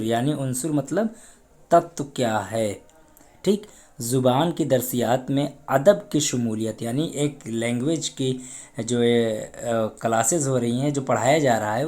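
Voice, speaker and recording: A man's voice: medium pitch, mellow. A man teaching an exam preparation lesson, reading out questions and options and explaining each answer step by step, often repeating and glossing terms.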